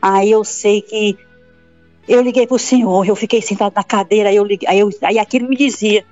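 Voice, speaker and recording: A woman's voice: medium pitch, fairly even intonation, brisk, darkish tone, soft background music. A woman giving an emotional church testimony, retelling it in a breathless, repetitive rush. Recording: dull lo-fi sound.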